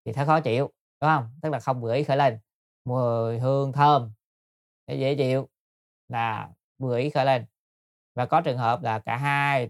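A man's voice: mid-range voice, vocal fry, dry recording, studio quality. A man giving a Buddhist dharma talk, explaining patiently and politely to his listeners with frequent hesitations. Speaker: Buddhist teacher.

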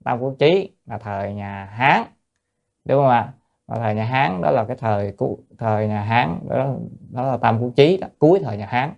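Gravelly-voiced man giving a Buddhist lecture. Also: mid-range voice, expressive, a little mellow, lo-fi sound. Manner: chants Sino-Vietnamese text slowly, then explains plainly; loose, hesitant, with many fillers. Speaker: Buddhist monk teacher. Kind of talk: sutra lecture.

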